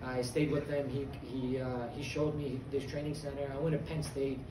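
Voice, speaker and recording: Earnest young fighter in an echoey venue. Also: male voice, medium pitch, flat delivery, noisy background. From Afghanistan. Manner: earnest, confident, halting with fillers. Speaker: MMA fighter. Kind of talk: post-fight interview. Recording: echoey venue, distant mic, loud crowd ambience.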